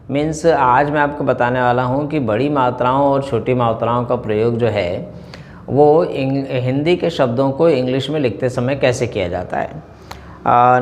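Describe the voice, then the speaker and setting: A man with an Indian accent explaining a language lesson slowly, with frequent hesitations. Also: medium pitch. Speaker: teacher.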